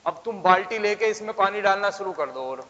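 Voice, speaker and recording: A male physics teacher lecturing in a classroom, constantly pressing his students with questions. His voice sits fairly high for a man, and the sound is muffled, with a long reverb trailing each phrase. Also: lively intonation, brisk, pushed and bright. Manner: coaxing, keeps asking the class questions.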